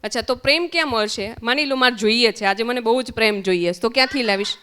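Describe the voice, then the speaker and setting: Clear-voiced woman teaching children. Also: on the high side, quick pace, sharp tone. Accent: Gujarati. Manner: asks children questions and repeats their answers. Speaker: spiritual teacher at children's summer camp. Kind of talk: interactive lesson with children. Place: centre hall.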